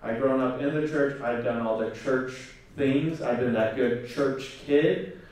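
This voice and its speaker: Recorded from far away in an echoing large hall, a man in his twenties delivers a personal testimony from the stage as a conference speaker. Originally from South Korea and raised in Oklahoma, he speaks earnestly into a handheld mic with lots of fillers and pauses, his mid-range voice darkish in tone.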